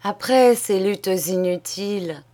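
A woman reading a short story aloud in a measured, deliberate audiobook style. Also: medium pitch, warm tone. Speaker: reader.

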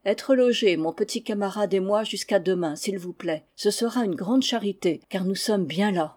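Woman doing a gentle young wanderer. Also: mid-range voice, moderate pace, natural voice. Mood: weary. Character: polite, weary young male traveler.

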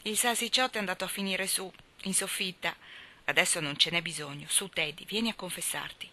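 A spirited young woman with a bright, clear tone, given voice by a woman reading a novel aloud. She talks bluntly and exclaims often, teasing with affection. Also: mid-range voice, very animated, normal speed, full character voice. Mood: playful. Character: lively young woman, blunt and warm-hearted.

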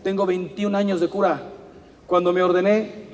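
A Mexican priest with a fairly high voice gives a lively, humorous pastoral talk, throwing rhetorical questions at his listeners. His voice rings out in a large hall with a long reverb. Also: normal speed.

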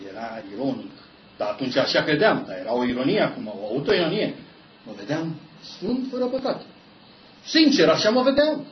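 A man preaching a sermon, telling stories about himself with animated, self-mocking humor. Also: fairly high pitch, crowd noise. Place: church meeting room. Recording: echoey church hall, dull lo-fi sound.

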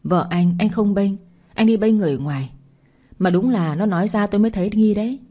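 A woman storyteller voicing a sharp-tongued mother-in-law who scolds with a hiss. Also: medium pitch, fairly quick, lightly acted. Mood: scolding. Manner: hissing, scolding.

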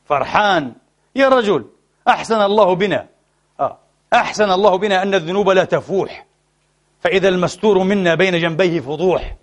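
A man delivers an impassioned Friday sermon, calling his listeners brothers and swinging between soft and loud delivery as he sounds saddened and frustrated. His voice is high-pitched and a little fast.

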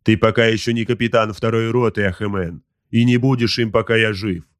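A man's voice: fairly low pitch, steady tone, a little fast, clear, resonant tone, no room sound, studio quality, close to an everyday voice. A man voicing an arrogant, wrathful space marine captain in an audiobook, barking orders. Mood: commanding. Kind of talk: audiobook character voice.

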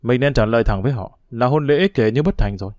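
A man voicing a caring middle-aged mother who reassures her daughter, gentle but firm. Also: mid-range voice, fast talker, no echo, studio quality, lightly acted.

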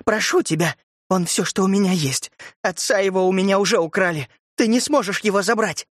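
A man voicing a cold, vengeful middle-aged widow in an audiobook, calm and then shrill and hissing. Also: moderate pace, dry recording, clean studio sound, close to an everyday voice. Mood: pleading. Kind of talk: audiobook character voice.

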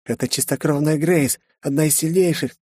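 A man's voice: fairly high pitch, normal speed, warm tone, breathy edge, no room sound, clean studio sound, pitched above the performer's own voice. A man voicing a cruel, mocking female villain in an audiobook, taunting and giggling between spiteful lines.

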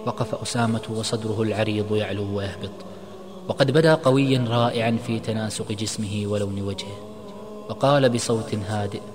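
A man narrating a dramatic story in an earnest, expressive way. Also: fairly low pitch, brisk, crowd noise. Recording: echoey recording with long reverb.

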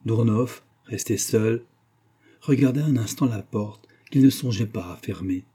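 A man narrating a classic novel as an audiobook, in a measured, dramatic storytelling manner with a husky voice. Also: on the low side, warm tone.

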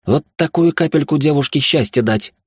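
A man's voice: a little high, moderate pace, husky, no room sound, studio quality, voice pushed up. Man voicing a teasing young woman. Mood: pleading. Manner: teasing, playful.

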